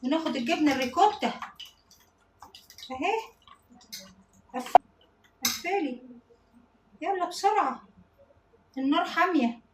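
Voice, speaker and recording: Egyptian woman, cooking host, fairly high voice, chatty, echoey kitchen with clattering pans. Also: animated, a little slow, pauses often, very noisy. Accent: Egyptian Arabic. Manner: chatty, talks to viewers while she cooks. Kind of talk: home cooking demonstration. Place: home kitchen.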